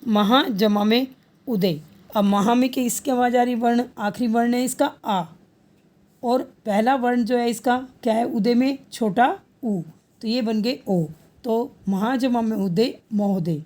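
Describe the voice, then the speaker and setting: A woman's voice: on the high side, measured pace, a little mellow. A woman teaching a grammar lesson, patiently working through examples and repeating each answer as a question.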